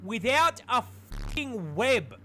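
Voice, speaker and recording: A woman's voice: on the high side, big pitch swings, takes it slowly, noisy background. A woman doing comedic scripted narration with a sweary, exasperated delivery. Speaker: video narrator.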